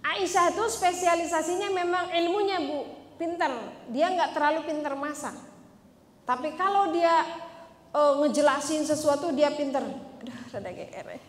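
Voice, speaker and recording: High-voiced woman preacher in echoey hall. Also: normal speed. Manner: lively storytelling, acting out voices. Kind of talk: casual religious talk to women. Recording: echoey hall with faint ambience.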